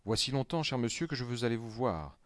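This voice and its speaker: A man's voice: mid-range voice, expressive, brisk, dry recording, studio quality, voice pushed up, lightly acted. Man doing an effusive grateful notary. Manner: effusive, earnest. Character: effusive middle-aged male notary, grateful.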